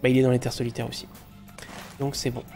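A man's voice: mid-range voice, level tone, fast talker, mellow, soft background music. Chatty man commenting on a game. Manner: chatty, joking, thinks aloud. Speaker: let's play host. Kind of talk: casual gameplay commentary.

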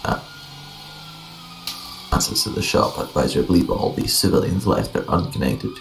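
A man's voice: deep voice, big pitch swings, normal speed, gravelly, slight background noise. A man giving clipped orders over a police radio channel in a roleplay game.

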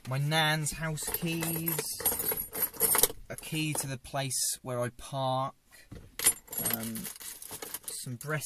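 The clip is very noisy: a young vlogger with a medium-pitched voice, seated in his parked small car, gives a casual tour of its contents to a fixed dashboard camera. He chats away with dry, self-mocking jokes.

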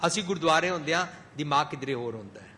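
A man preaching a sermon in a gurdwara, mixing English phrases into his talk, swinging between emphatic peaks and soft drops. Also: a little high, lively intonation, very fast, a little hiss or hum. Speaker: Sikh preacher. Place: gurdwara hall.

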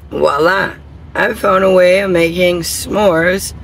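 A woman's voice: fairly low pitch, fairly even intonation, takes it slowly, creaky, a little hiss or hum. A middle-aged woman chatting casually in a camping vlog, laughing between remarks, filmed outdoors in a backyard by a tent. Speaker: camping vlogger. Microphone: camera on a stand at a distance, later phone at arm's length.

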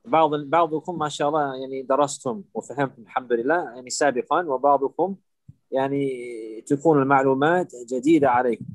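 A patient male teacher walks his students through Arabic word forms, repeating each one slowly and checking that they follow. His voice sits at an ordinary middle pitch. The sound is dry and close, with no room echo. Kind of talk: live online lesson with students.

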